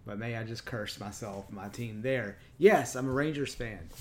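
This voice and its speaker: A man's voice: mid-range voice, moderate pace, darkish tone, a little hiss or hum. A man from Texas with a Texan accent, hosting a solo podcast in a casual, chatty way and correcting himself as he goes. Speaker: podcast host.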